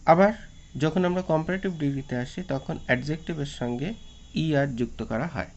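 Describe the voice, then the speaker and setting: A man teaching a grammar lesson in a patient way, going over each rule and repeating the examples. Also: fairly high pitch. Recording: muffled lo-fi audio with background hiss.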